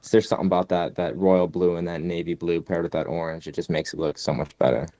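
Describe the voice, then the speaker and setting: Really deep voiced guy chatting easy on a podcast, dry sound. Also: little pitch movement, fast talker, mellow, no echo. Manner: easygoing, hesitant with "uh" and "like". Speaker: podcast guest. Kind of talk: casual podcast chat.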